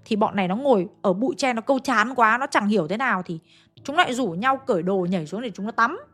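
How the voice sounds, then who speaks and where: A woman's voice: a little high, expressive, fast, a bit bright, faint music behind. A woman narrating a ghost story, chatting directly to her listeners.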